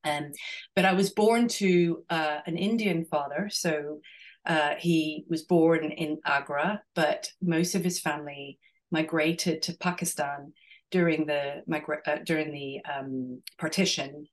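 A middle-aged woman from Venezuela speaks in a low voice. She is a guest in a podcast interview and answers thoughtfully, pausing, restarting and filling gaps as she goes. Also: fairly even intonation. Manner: reflective, many restarts and fillers. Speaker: podcast guest, executive coach. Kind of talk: conversational interview.

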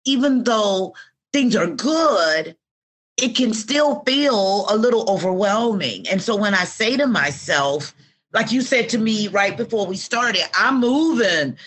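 A woman's voice: medium pitch, expressive, unhurried, fairly bright tone. A woman in her fifties, a podcast guest, telling reflective stories in conversation and acting out quoted affirmations. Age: 50s. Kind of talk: conversational interview.

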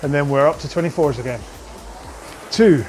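A man coaching an indoor rowing workout, giving slow, measured cues about posture and pace. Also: a little high, darkish tone, soft background music.

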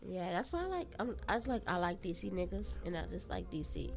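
A woman hosting a podcast, telling stories in casual chat, loud, laughing and profane. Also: on the low side, sing-song, a little fast, gravelly, soft background music. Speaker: podcast host.

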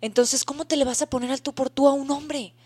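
A woman's voice: sits high, fairly even intonation, brisk, darkish tone. A woman with a Mexican accent co-hosting a podcast, explaining earnestly in casual chat. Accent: Mexican Spanish. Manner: earnest, explaining, with frequent restarts. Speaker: podcast co-host.

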